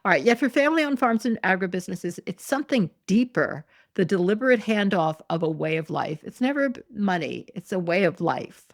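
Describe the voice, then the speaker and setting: Woman podcast host, sarcastic asides, slight vocal fry, dry close mic. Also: medium pitch, lively intonation, brisk, few pauses, no echo. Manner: sarcastic, digressive, laughs often. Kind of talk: casual commentary reading articles aloud.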